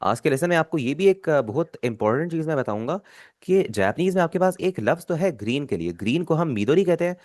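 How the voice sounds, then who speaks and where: A man teaching a language lesson, patiently explaining and repeating key words slowly. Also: a little high, lively intonation, a little mellow, no room sound, clean studio sound.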